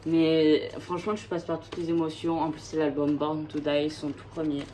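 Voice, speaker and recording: Chatty woman vlogger, lowish voice. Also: completely flat delivery, moderate pace, warm tone, slight background noise, low-quality recording. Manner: chatty and gushing, full of hesitations. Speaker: vlogger presenting her record collection. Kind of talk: casual chat.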